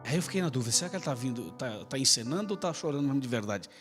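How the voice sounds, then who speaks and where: Piano plays beneath a long hall reverb as a man preaches a story-driven sermon in a church sanctuary, voicing dialogue and talking directly to the congregation. His pitch is medium, his intonation lively, and he races along.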